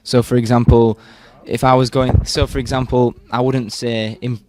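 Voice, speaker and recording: This medium-pitched young adult male speaks at a moderate pace in a level tone over a noisy background. He's a Yorkshire university student and torch relay participant, laughing and chatting freely through a casual interview with frequent fillers.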